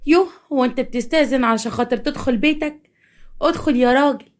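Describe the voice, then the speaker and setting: A woman's voice: high-pitched, quick pace, natural voice. A woman with an Egyptian accent voicing a sly, sarcastic young woman who schemes against her friend. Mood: mocking. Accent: Egyptian Arabic.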